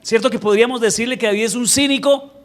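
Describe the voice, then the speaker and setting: A man pastor preaching a sermon in a church, telling a Bible story with lively, humorous storytelling. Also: extremely high pitch, quick pace. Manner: animated storytelling, acting out quotes with humor.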